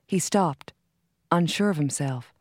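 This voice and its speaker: A woman narrating a short story in a measured, storytelling way for a language lesson. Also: low voice, a little mellow, dry recording, clean studio sound.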